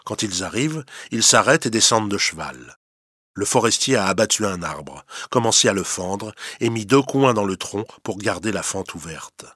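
A man narrating a storybook, reading with clear, steady delivery and lively emphasis. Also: lowish voice, moderate pace, no room sound, studio quality.

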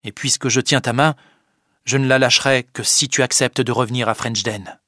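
A man's voice: medium pitch, fairly even intonation, normal speed, pushed and bright, no echo, clean studio sound, close to an everyday voice. A man reading aloud and voicing a brave, resolute teenage boy who leads his friends, speaking with urgency. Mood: earnest.

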